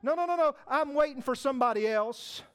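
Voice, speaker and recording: A man's voice: extremely high pitch, fairly quick. A man voicing a stubborn man on a flooded roof who turns down rescue and begs God for help. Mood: pleading.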